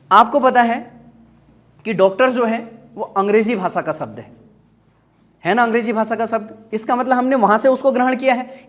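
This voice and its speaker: A man teaching a grammar lesson, asking questions and answering them himself, repeating key terms and checking that students follow. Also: sits high. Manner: drills by asking and answering his own questions. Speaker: Hindi teacher.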